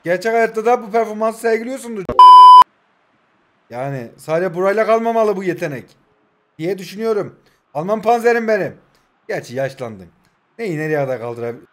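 A man in his twenties from Turkey talks over his own football match, joking and teasing as he plays. His voice sits high for a man, and he swings between muttering to himself and excited outbursts to viewers. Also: a little fast, pauses often, a little hiss or hum. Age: 20s. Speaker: gaming YouTuber. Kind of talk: live gameplay commentary.

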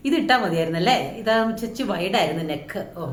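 Lively and quick, this Malayali-accented woman from Kerala, India, speaks in a mid-range voice while chatting through her home beauty vlog, frequently tagging her lines with a question to the viewer. The room echoes, with slight background noise.

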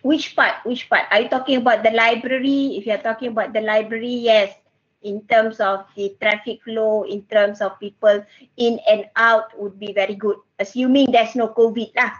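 Malaysian female lecturer, middle-aged, fairly high voice, Manglish particles and repetition, slightly muffled video-call headset sound. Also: steady tone, moderate pace. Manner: Manglish code-switching with particles like lah, kan, ah; repeats phrases. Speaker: university lecturer. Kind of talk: online tutorial, casual explaining. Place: indoor room with bookshelves, video call. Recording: muffled, band-limited video call audio.

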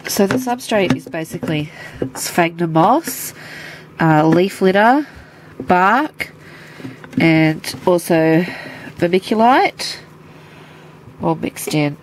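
In this casual show-and-tell vlog, a pet keeper with a cold-induced stuffy, nasal voice shows her animals to a handheld camera indoors by a terrarium, chatting and explaining as she handles them. She speaks slowly in a lowish voice with lively intonation and long pauses. A little hiss or hum can be heard.

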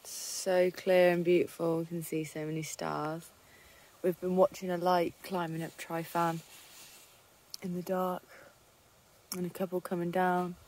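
This young woman's voice is fairly low and darkish, with little pitch movement and an unhurried pace. She's a vlogger narrating casually to a handheld camera held selfie-style, wild camping by a lake on a mountainside and laughing often.

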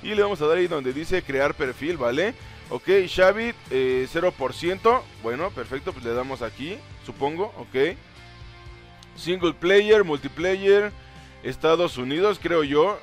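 A man with a Mexican Spanish accent giving excitable, profane gameplay commentary and reading game text aloud. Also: fairly high pitch, unhurried, faint music behind. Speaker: gaming YouTuber.

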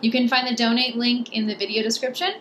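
A woman's voice: a little high, level tone, fast talker, fairly bright tone, poor audio. Young woman, event host, video call, upbeat, faint background noise. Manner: upbeat, thanking guests. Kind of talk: live stream hosting.

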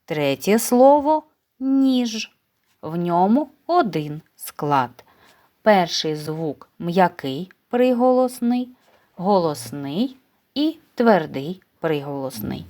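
A woman teaches first graders in a slow, deliberate way, spacing out each word. Her voice sits a little low, and her manner is patient and kindly, the way one talks to small children. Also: very animated, warm tone. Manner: patient, careful, uses diminutives for children. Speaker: primary school teacher. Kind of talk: slow, clear dictation lesson for first graders.

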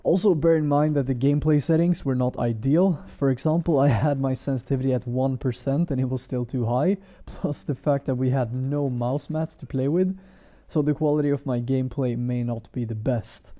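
A man with a deeply dark, mellow voice gives a calm, measured breakdown of game maps. He sounds tired, talking late at night in a hotel room, at a middle pitch. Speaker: gaming content creator. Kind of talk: game commentary voice-over.

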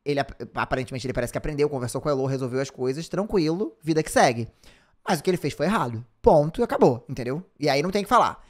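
A man's voice: on the high side, lively intonation, very fast. A man with a Brazilian Portuguese accent giving casual, chatty commentary to his viewers as a reaction host.

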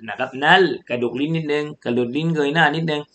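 A man from Thailand gives a tajweed recitation lesson, chanting Quran verses and then patiently explaining pronunciation, repeating syllables for his students. His voice is a little high and fairly bright, and he speaks quickly.

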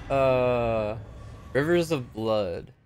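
A streamer with a medium-pitched, slightly bright voice comments casually on his gameplay over game music. Frustration runs through it as he swears and mocks himself.

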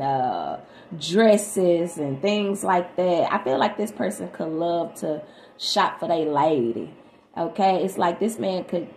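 A woman giving a chatty, animated tarot reading to her viewers. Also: lowish voice. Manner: animated, chatty, sings snatches of songs. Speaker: tarot reader. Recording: echoey room, faint background noise.

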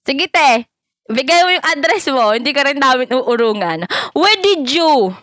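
Woman vlogger, mocking and playful, swinging pitch, laughs loudly, noisy audio. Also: sing-song, unhurried. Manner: switches between Tagalog and broken English. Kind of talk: casual reaction vlog.

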